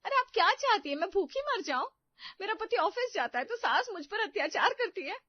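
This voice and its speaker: A woman voicing a self-pitying young bride in a cartoon story, whining and accusing everyone around her in theatrical bursts. The voice sits fairly high, with a dry, slightly dull sound and no room around it. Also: expressive, moderate pace, no echo. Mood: wailing accusing. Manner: whiny, accusing, theatrical wailing. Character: melodramatic young female daughter-in-law, self-pitying. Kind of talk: animated story voice acting.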